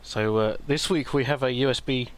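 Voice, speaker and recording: A man in casual podcast chat, talking at a middle pitch. He is chatty and laughs easily. He often restarts his sentences as he goes. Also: moderate pace. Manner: chatty, laughs easily, trips over words. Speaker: podcast co-host.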